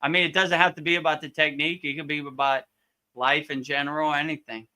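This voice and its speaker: A man hosts a live question-and-answer session as a yoga teacher, chatting informally and frequently repeating and rewording his points. He talks fast in a rather high, level voice with a sharp edge.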